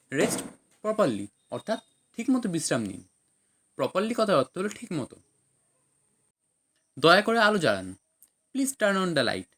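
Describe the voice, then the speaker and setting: Woman teaching translation with lively pitch. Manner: reads each sentence in Bengali, then English, then explains. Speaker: language teacher. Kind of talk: scripted translation lesson.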